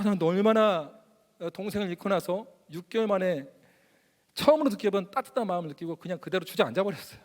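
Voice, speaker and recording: A man in his forties, a missionary preaching a testimony sermon, telling his story in an animated way and acting out the voices of people he quotes. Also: sits high. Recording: reverberant hall.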